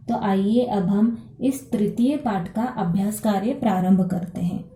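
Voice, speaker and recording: A woman teaching a Sanskrit lesson online, talking slowly, checking understanding often, and reading out number words loudly. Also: a little high, reverberant. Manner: slow, repeats "ठीक है" to check understanding; reads numbers aloud louder, with English equivalents.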